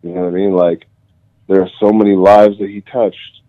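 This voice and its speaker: On a call, a man shares memories of a late friend and reflects on his legacy, speaking hesitantly with many fillers in a casual conversation. His voice sits low and level, at a normal speed, with no room sound. The call audio is muffled and lo-fi.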